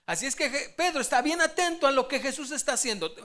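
Talking fast in a high, bright, sharp voice, a preacher gives a sermon to his congregation, telling an animated story and jumping suddenly into vividly acted-out quotes.

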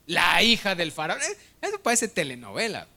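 Man, preacher, very high pitch, bright tone, chatty storytelling. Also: wildly swooping pitch, moderate pace, gravelly. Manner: conversational, humorous storytelling. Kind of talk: sermon.

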